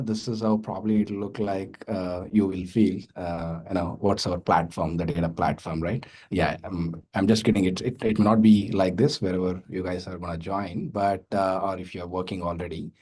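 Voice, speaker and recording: A man's voice: low voice, steady tone, moderate pace, hardly any pauses, warm tone. A man giving a conference talk over a video call, loose and full of filler sounds. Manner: loose, many filler sounds and tag questions. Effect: heard over a video call. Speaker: guest speaker.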